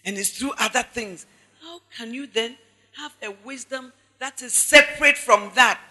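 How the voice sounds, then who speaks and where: A woman's voice: a little high, normal speed, pushed and bright, in a large hall. A woman pastor with a Ghanaian accent preaching a sermon, stressing her points by repeating them and speaking straight to the congregation. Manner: emphatic preaching with repetition and asides to the congregation.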